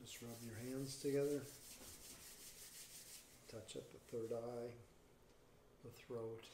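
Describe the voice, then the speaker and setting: A man leading a guided relaxation and breathing meditation, speaking in slow, soft, calm instructions. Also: mid-range voice. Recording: roomy with background ambience noise.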